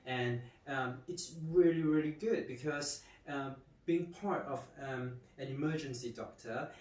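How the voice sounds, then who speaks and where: Halting man, roomy distant sound. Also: medium pitch. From Malaysia. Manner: warm, halting, many um fillers. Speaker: emergency doctor. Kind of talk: speaking to camera about his work. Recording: roomy, distant mic, faint hiss.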